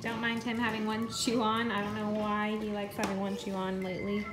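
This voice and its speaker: A woman's voice: medium pitch, completely flat delivery, fairly quick. A young woman in her twenties vlogging from her kitchen into a handheld phone, chatty and upbeat, with asides to her toddler. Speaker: vlogger and mom. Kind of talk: casual vlog talk to camera. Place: home kitchen and living room. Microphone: phone camera held at arm's length. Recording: echoey room with music.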